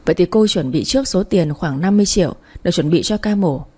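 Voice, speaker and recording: A woman voicing a calm hospital doctor who speaks in a formal, matter-of-fact way, in a storybook reading, with a mellow, husky voice. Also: lowish voice, fast talker.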